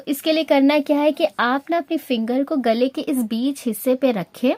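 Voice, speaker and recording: A woman teaching Quran recitation rules patiently, step by step, slowing down to recite the example words. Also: fairly high pitch, darkish tone, no echo. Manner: patient, explains step by step, mixes in English words. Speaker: tajweed teacher. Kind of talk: spoken Urdu lesson with slow recited examples.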